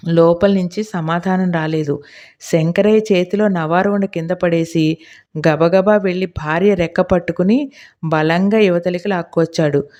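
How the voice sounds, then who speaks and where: A woman storyteller reading a family novel aloud in a steady, even narration. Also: lowish voice, normal speed. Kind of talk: audiobook narration.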